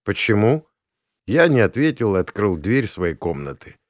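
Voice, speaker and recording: A man's voice: lowish voice, very animated, normal speed, dry recording. A man narrating an audiobook in the first person, in a dry, wry and laconic manner.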